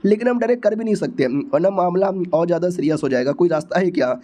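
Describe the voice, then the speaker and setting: Man, high-pitched, mellow tone, chatty, colloquial, casual story recap. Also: fast. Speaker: comic story explainer.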